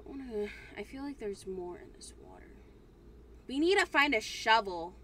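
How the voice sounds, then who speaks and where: A woman's voice: expressive, normal speed, pushed and bright, a little hiss or hum. A young woman chatting casually while playing a video game, playful and talkative. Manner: chatty, playful, breaks into random squeaky voices. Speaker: gaming channel host. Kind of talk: casual gameplay chat.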